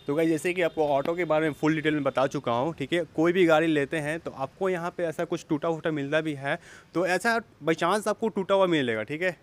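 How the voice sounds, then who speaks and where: Fairly high in pitch, slightly fast, and with hardly any pauses, a young male vlogger leads a cheerful walk-through of a used-vehicle lot outdoors. Gripping a lapel-style mic, he parrots the seller's replies.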